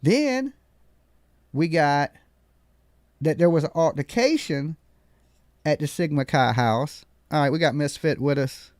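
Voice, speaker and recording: Male panel host, fairly high-pitched, folksy casual talk, dry recording. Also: animated, a little slow, pauses often, darkish tone, dry recording. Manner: folksy, slangy. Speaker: live stream host.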